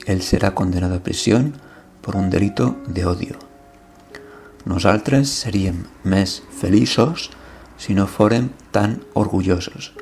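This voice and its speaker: A man teaching a language lesson, reading verb conjugations and example sentences aloud in a slow, methodical way. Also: sits low, gravelly, a little mellow.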